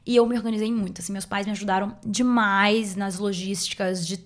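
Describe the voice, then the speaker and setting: A woman's voice: mid-range voice, steady tone, fairly quick. Casting: young woman, informal interview guest, drops English jargon into conversational speech. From Bahia, Brazil. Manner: informal, sprinkles English medical terms into speech. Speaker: podcast guest, doctor. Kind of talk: casual interview storytelling.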